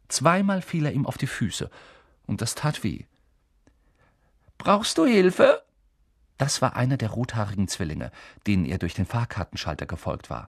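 A man's voice: mid-range voice, dry recording, clean studio sound. A man reading a novel aloud in scripted narration, storytelling expressively. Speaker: audiobook reader.

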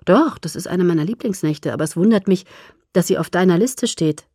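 A woman reading the lines of a gloomy, tender young male vampire lover in an audiobook, in a lower, hushed voice. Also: expressive, fairly quick, dry recording, studio quality. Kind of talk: audiobook character voice.

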